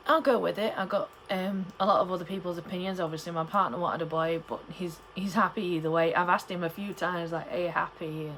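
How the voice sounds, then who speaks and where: A woman's voice: on the low side, steady tone, fairly quick, hardly any pauses, a bit bright, slight background noise, poor audio. A young woman chatting casually to camera in a rambling, storytelling way. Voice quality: cannot pronounce P in the middle of words. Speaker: pregnancy vlogger.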